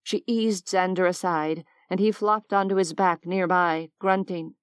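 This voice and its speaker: A woman narrating an audiobook in a measured, deliberate way on a close mic. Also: on the low side, fairly even intonation, smooth, dry recording. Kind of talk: scripted narration.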